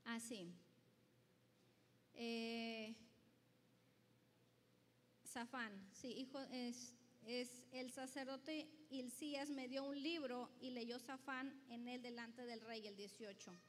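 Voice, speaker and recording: Female preacher, sermon delivery, deliberate pace, big hall with long echo. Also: a little high, steady tone, slight background noise. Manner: asks the congregation questions and reads scripture aloud. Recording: long reverb of a large hall.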